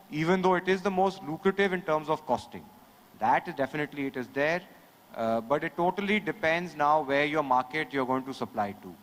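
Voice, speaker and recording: Male industry panelist, measured delivery, conference hall reverb. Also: a little high. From India. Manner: measured, explanatory. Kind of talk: panel discussion answer.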